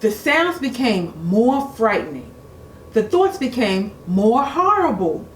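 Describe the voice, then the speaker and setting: A woman reading a children's storybook aloud in an expressive, deliberate way, like a teacher at storytime. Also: a little high. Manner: expressive, deliberate, engages young listeners with questions. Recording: echoey room with faint noise.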